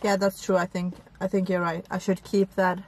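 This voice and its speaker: A woman's voice: fairly low pitch, level tone, normal speed, darkish tone. A woman hosting a mukbang food vlog, chatting casually with her audience while eating and sometimes stopping to search for a word. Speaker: mukbang channel host.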